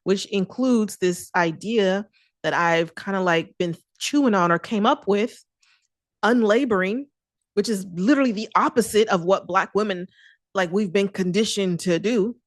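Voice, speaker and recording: A woman's voice: medium pitch, normal speed, no room sound, clean studio sound. A young adult woman telling a personal story to her viewers in a casual, chatty way. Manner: conversational, chatty, with fillers and asides. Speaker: self-care vlogger.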